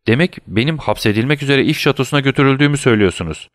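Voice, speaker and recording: A man's voice: medium pitch, lively intonation, racing, no echo, studio quality, pitched above the performer's own voice, natural voice. A man voicing a young sailor prisoner who pleads in frantic alarm. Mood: pleading alarm.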